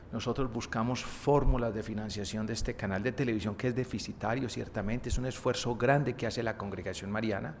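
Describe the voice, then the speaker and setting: A middle-aged man giving on-air announcements and a warm appeal for donations to a religious TV channel. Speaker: TV channel presenter. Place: studio set at a lectern. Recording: reverberant studio, faint rumble.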